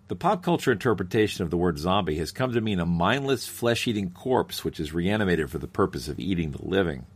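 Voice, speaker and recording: A man hosts a science show in a low voice. His intonation swings widely, giving him a bright, curious manner as he moves between narrating and interviewing. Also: breathy edge. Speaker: podcast host.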